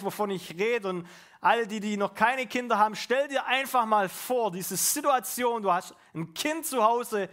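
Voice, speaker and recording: A man who is a pastor, preaching an animated, casual sermon with asides to the congregation. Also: sits high.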